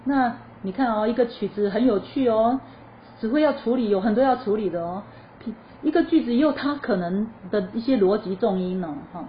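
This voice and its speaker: A woman teaching a choir lesson, explaining musical phrasing in a lively, chatty way and asking her listeners questions before answering them. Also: on the high side, fairly quick. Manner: lively explanatory, sings short demo phrases. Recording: slightly dull lo-fi recording with faint noise.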